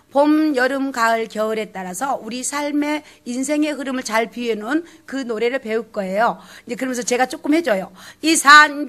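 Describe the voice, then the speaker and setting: Woman, Jeolla dialect accent, high bright voice, pansori teacher, lively lecture. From South Jeolla, Korea. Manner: animated, switches into dialect role-play and sung phrases. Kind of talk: lecture with sung and acted examples.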